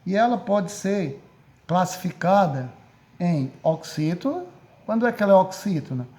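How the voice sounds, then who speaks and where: A Brazilian man gives a recorded grammar lesson in a patient, repetitive way, stopping often to check that his students follow along. His voice sits high for a man, but its tone is soft and mellow. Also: lively intonation, moderate pace. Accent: Brazilian Portuguese. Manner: patient, repeats and checks with "certo?". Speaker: teacher.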